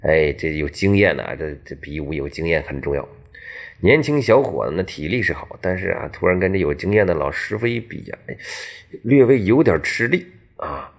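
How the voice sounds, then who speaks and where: Deep gravelly male storyteller. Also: brisk. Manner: animated, with sound effects and exclamations. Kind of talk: oral storytelling.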